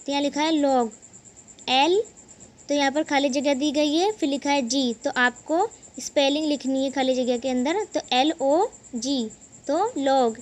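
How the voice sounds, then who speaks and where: A woman teaching young children English, slowly spelling out each word letter by letter and explaining it. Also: high voice. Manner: slow, spells words letter by letter.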